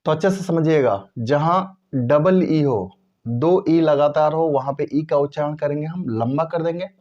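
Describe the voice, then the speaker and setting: Slow, repetitive male teacher. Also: fairly high pitch, a little mellow, muffled recording. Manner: slow, repetitive, drawing out example words. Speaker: English pronunciation teacher. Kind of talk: explanatory lesson to viewers.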